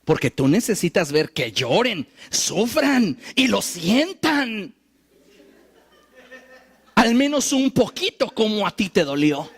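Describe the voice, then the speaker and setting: Man, high voice, preaching, animated, wry, acts out quotes. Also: slow pace, breathy edge. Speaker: pastor. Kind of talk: sermon.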